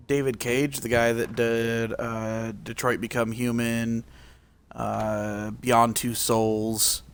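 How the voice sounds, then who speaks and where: A male streamer with a gravelly voice gives laid-back, profane commentary on his gameplay. He sounds tired and yawns between remarks. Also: medium pitch. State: tired, yawning. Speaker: game streamer.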